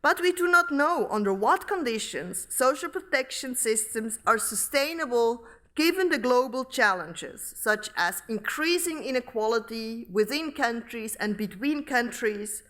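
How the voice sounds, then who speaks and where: A middle-aged woman from Switzerland, giving a formal academic lecture at a podium microphone in a large hall, reading in a measured, deliberate way. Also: on the high side, a bit bright. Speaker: professor giving inaugural lecture.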